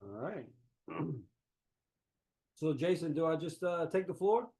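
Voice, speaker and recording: Speaking slowly in a slightly high, creaky voice with a darkish, breathy tone, a man with a South Louisiana accent gives a lively, folksy talk. He's an author and historian delivering a conversational remote lecture through a laptop mic on a video call.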